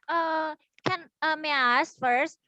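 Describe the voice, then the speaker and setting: A woman's voice: sits high, slow, sharp tone, dry recording. A woman student from Thailand, native Thai speaker, asking careful, hesitant questions in a beginner class over a video call. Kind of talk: beginner language practice.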